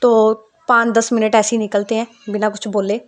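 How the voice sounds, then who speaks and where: Chatty female storyteller, relaxed narration with a slightly high voice. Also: normal speed. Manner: chatty, keeps checking in with the listener.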